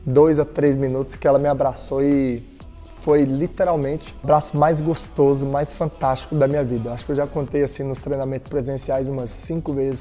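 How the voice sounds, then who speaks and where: Emphatic Brazilian man over soft music. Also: mid-range voice. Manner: emphatic storytelling, addresses the listener directly. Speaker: motivational speaker. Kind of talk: motivational talk.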